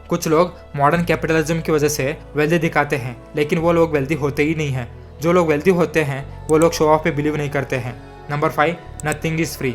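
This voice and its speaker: Man narrating a book summary over music. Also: a little high. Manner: plain, steady explanatory reading mixing in English terms. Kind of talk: scripted narration. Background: background music.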